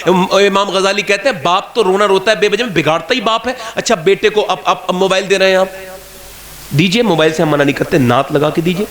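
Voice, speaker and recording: A man with an Indian Urdu accent preaching a sermon at a religious gathering, moving from calm storytelling to high shouted climaxes. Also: crowd noise.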